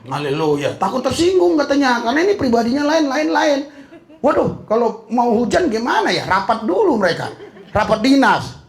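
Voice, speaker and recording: Joking middle-aged pastor in an echoey hall. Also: male voice, very high-pitched, sing-song, normal speed. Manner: joking, laughing, mixing in slang. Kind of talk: humorous sermon.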